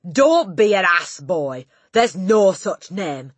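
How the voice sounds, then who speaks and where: A bellowing, tyrannical giant headmistress. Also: female voice, sits low, expressive, fairly bright tone, husky, no room sound, exaggerated voice. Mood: indignant, threatening. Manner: bellowing, snorting, barking insults in drawn-out emphatic bursts. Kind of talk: audiobook character voice.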